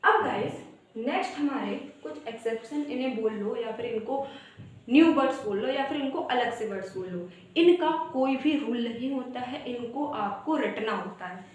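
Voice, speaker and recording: A woman's voice: a little high, animated, normal speed. A woman teaching English grammar in an online coaching lesson, explaining step by step and chanting word lists. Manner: explains step by step, addresses viewers as "guys", sing-song word lists. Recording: very echoey room.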